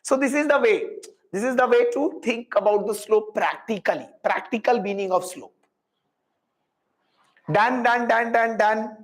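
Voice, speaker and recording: With an extremely high pitch and a measured pace, a man with an Indian accent teaches physics live over a low-quality recording. He goes step by step, repeats phrases, and asks students questions, adding Hindi tags.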